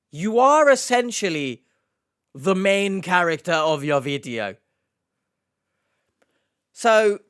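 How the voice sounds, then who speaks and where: A man with a smooth, clear voice set a little high talks at an unhurried pace. He reads comments out sarcastically and replies with mock indignation, casually putting himself down in a dry comedic way. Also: fairly bright tone. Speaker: YouTube host reading out and answering hate comments.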